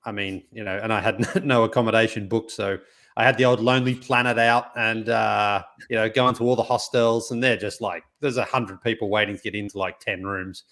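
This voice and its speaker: A man co-hosting a podcast, casually telling an animated anecdote with laughter and quoted voices. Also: on the low side, fairly quick. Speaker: podcast co-host. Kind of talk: casual chat, storytelling.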